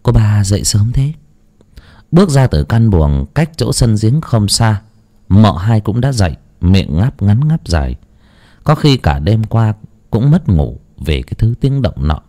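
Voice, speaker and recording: A man narrating a horror story in a dramatic, drawn-out way. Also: fairly low pitch, very animated, mellow.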